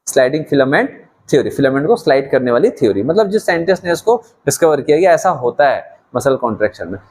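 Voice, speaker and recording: A middle-aged man lectures in a classroom, his voice sitting fairly high. He is animated and keeps checking with his students, calling them up to act out a demonstration. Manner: animated, asks students questions and calls them "beta". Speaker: biology teacher.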